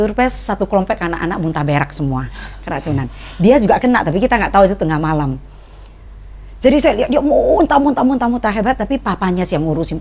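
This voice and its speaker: A woman's voice: lowish voice, a little mellow. Middle-aged female co-host, heartfelt, recounts family memories vividly. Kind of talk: personal storytelling in a talk show.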